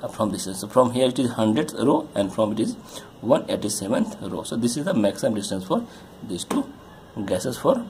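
A man tutoring chemistry, working through a solved problem in a halting way with many fillers while pointing at a diagram. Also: on the low side, very animated, darkish tone, a little hiss or hum. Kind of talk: explaining a solved problem on a board.

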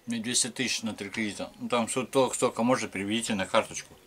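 A man streaming a mukbang at home, talking while chewing, halting and mumbled, trailing off mid-phrase. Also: fairly low pitch, steady tone, fairly bright tone, a little hiss or hum. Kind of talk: casual chat while eating on stream. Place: home, indoors.

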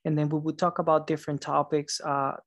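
A male trainer with a flat, even delivery explains material in an online presentation. He speaks haltingly, pausing and hesitating often as he goes. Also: a little high. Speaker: teacher trainer, webinar presenter.

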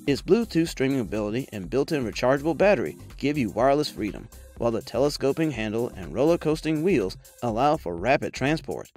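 A man with a mid-range, slightly mellow voice reads a scripted product review voice-over, polished and promotional, with music playing in the background.

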